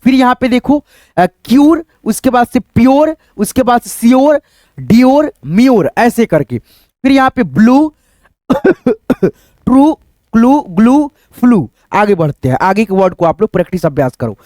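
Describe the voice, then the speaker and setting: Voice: medium pitch, lively intonation, normal speed, darkish tone, dry recording. A teacher giving a phonics lesson, repeating each word and often calling the viewers friends. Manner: repetitive, addresses viewers as friends.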